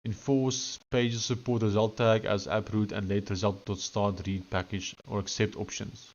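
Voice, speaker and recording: A man's voice: lowish voice, level tone, normal speed, dull audio. A man with a thick Afrikaans South African accent, chatting casually on a coding live stream and dictating instructions.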